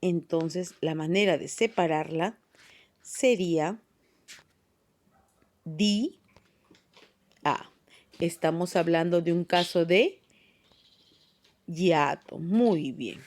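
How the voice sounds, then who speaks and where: Brief: patient female teacher, lowish voice, unhurried classroom delivery, taped on a phone. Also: a little mellow. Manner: patient, explains step by step with frequent tag questions. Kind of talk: classroom grammar lesson. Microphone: phone voice recorder.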